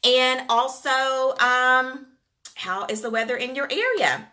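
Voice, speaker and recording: Taking things slowly, a daycare business coach chats with her livestream audience in a high-sitting, bright, forward voice with an easy, homespun flow. Her Southern US accent and Gulf Coast background come through as she talks in a folksy, chatty way, calling viewers "you guys" and "y'all."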